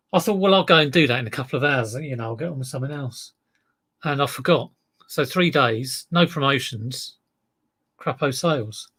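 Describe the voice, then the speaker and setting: A man with a husky, medium-pitched voice and a relaxed South East London drawl hosts an eBay reselling livestream. He chats casually, rambling about his sales and reading viewer comments aloud.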